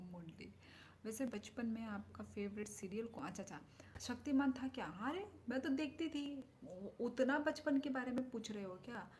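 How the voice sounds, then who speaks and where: A woman chatting casually with viewers on a livestream through her phone mic, thinking aloud and slipping into soft whispered asides. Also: on the high side, lively intonation, normal speed, a little hiss or hum. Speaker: live streamer. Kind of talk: casual live-stream chat answering viewer comments. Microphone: phone microphone.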